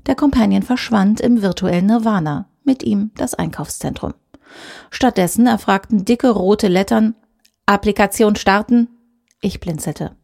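A woman's voice: medium pitch, normal speed, creaky, dark tone, husky. A woman reading a first-person short story aloud in a dry, sardonic tone. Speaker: audiobook reader. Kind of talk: scripted story narration.

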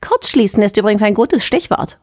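A woman reading an audiobook, voicing a sharp-witted female chief engineer with a brisk, cocky manner. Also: mid-range voice, animated, no room sound, clean studio sound, pitched above the performer's own voice, lightly acted. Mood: teasing. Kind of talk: audiobook character voice.

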